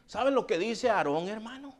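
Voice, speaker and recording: A male pastor preaching a sermon with fervent conviction. He speaks in a somewhat high voice, firing rhetorical questions and calling out to his listeners as brothers again and again. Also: lively intonation, moderate pace.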